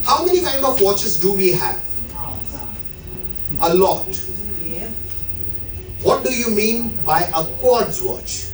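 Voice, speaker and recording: In a reverberant event room, far from the microphone, a middle-aged watch specialist from India talks to a live crowd in a high, sing-song voice. He takes his time, leaving long pauses, and faint music plays behind him. A non-native English speaker with an Indian accent, he's chatty and keeps asking the audience questions.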